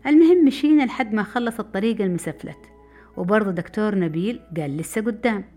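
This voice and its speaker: A middle-aged woman from Saudi Arabia, telling a personal memoir story in a brisk, lively way. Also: mid-range voice. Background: faint background music.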